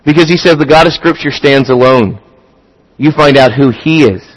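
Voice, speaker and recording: A man's voice: medium pitch, moderate pace, low-quality recording. A man preaching a sermon, talking through rhetorical questions and building to emphatic, rising points.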